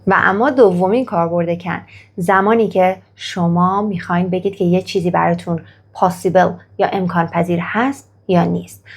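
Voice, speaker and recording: A woman teaching English grammar in Persian, who reads English example sentences slowly and carefully and praises the viewer after each exercise. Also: medium pitch. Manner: slow, careful model sentences in English, then Persian explanation.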